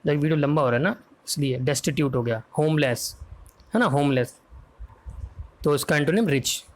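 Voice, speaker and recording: A man teaching an online exam vocabulary lesson, quizzing students and spelling words out letter by letter in a brisk, coaxing way. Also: fairly high pitch.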